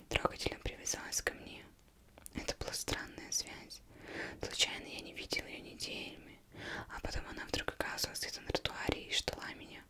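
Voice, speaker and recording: A young woman reading a novel aloud as ASMR in a breathy, unvoiced whisper, very close, as if right in the listener's ear. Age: young adult. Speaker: ASMR reader. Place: indoors, plain studio backdrop. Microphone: close microphone.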